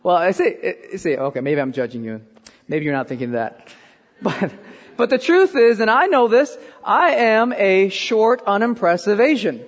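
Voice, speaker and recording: Pastor, man in his 30s, high voice, sermon with animated self-deprecating asides, dull roomy hall sound. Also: normal speed. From born in Korea, raised in Iowa.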